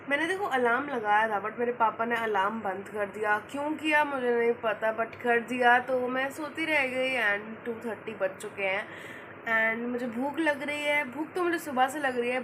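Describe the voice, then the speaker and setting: With some background noise behind her, a teenage girl in a student vlog speaks in a slightly high voice. She switches easily between Hindi and English, teasing herself as she takes a morning walk outdoors and later chats at home.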